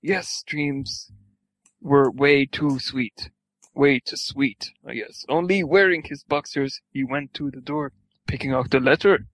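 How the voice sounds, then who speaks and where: A man's voice: medium pitch, slow pace, rough recording. A man reading fan fiction aloud for laughs, stumbling over words and swearing at the text. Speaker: reader.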